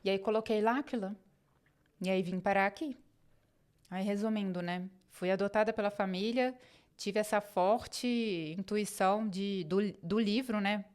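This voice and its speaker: A woman with a Brazilian Portuguese accent tells a personal travel story in a chatty, rambling way, acting out quoted conversations. Her voice is medium-pitched and darkish, and she talks a little slowly.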